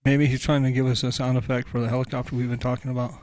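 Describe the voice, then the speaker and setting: A man's voice: medium pitch, little pitch movement, racing, background noise. A man co-hosting a casual home podcast, easygoing and joking. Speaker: podcast co-host. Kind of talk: casual chat. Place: home room.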